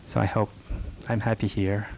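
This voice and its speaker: A rough archival recording, faint hiss in the background, captures a middle-aged northern Afghan rug merchant fielding audience questions in a library meeting room. He speaks halting English with an Afghan accent, his fairly low voice keeping a level tone. Soft-spoken, he fills pauses and restarts again and again.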